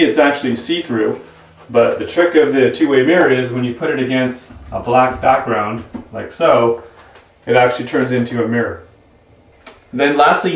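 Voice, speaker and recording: A man in his thirties giving an instructional product demo, recorded indoors in a small room. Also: mid-range voice. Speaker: product demonstrator. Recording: roomy, distant microphone, faint music.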